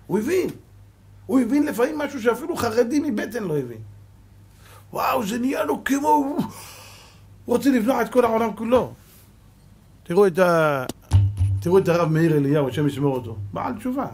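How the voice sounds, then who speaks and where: Brief: rabbi preaching, lifted pitch, punchy questions and quiet asides. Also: male voice, very animated, long pauses, soft background music. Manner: emphatic, rhetorical questions, dropping to a hush for effect. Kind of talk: sermon.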